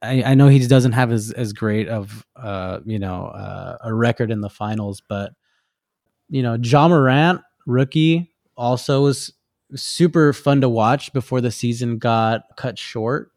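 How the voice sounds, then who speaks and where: A man's voice: mid-range voice, a little slow, darkish tone, no room sound, studio quality. A man who works as a tattoo artist, a guest on a podcast, talking casually and rambling with loose, restarting sentences. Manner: loose and rambling, many fillers and restarts, laughs easily. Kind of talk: casual interview chat.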